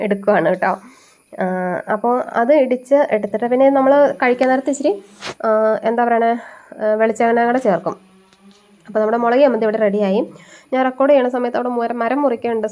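A woman's voice: a little high, warm tone. A woman in her thirties with a slightly nasal, stuffy voice from a cold, chatting homely and step by step as she cooks for a vlog. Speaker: home cooking vlogger. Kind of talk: casual chat while cooking.

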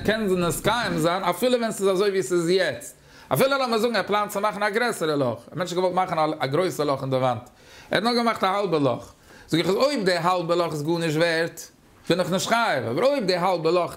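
A man with a Yiddish accent teaching a Talmud class, talking haltingly, repeating words and using many fillers. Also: high-pitched, fairly bright tone.

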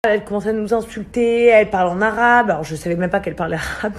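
A young woman, a mother and vlog host, casually telling a story to camera with many hesitations and animated quoted dialogue. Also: mid-range voice, fast.

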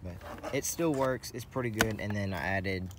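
A man vlogging in and around a parked truck gives a relaxed hands-on tour of its CB radio setup. His lowish voice moves at a moderate pace, rambling and hesitant with lots of repeated phrases. The handheld recording is noisy, picking up vehicle ambience.

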